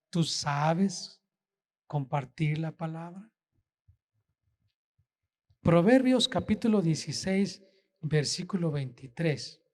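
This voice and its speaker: Pastor guy preaching slow, lots of questions to the church, voice sits kinda high. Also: darkish tone. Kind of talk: sermon.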